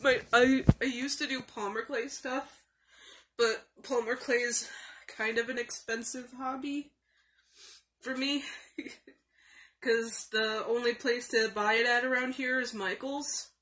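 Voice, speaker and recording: A young woman chats casually to her vlog in a fairly high, bright voice. She rambles along at a slow, halting pace, as if thinking aloud. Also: steady tone. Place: small room indoors. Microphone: phone or webcam at arm's length.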